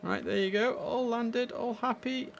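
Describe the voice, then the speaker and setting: Seated at a computer indoors, this young adult man livestreams a game and keeps up an upbeat, chatty running commentary. He has a very high, creaky voice, holding a steady tone at a measured pace, with a little hiss or hum underneath.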